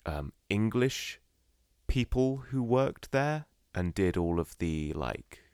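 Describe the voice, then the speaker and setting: A podcast co-host in casual chat, supportive and gently teasing, laughing often. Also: deep voice, animated, takes it slowly, clean tone, dry recording, studio quality.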